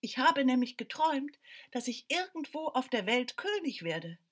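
Woman voicing a drowsy little tailor, soft, dreamy, high-pitched storybook hero. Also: sing-song, moderate pace. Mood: earnest.

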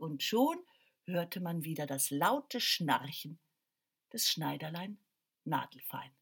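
Slow, lilting woman storyteller. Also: low voice, animated, fairly bright tone, slightly rough. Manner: slow, lilting, addresses listeners directly. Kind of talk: children's story narration.

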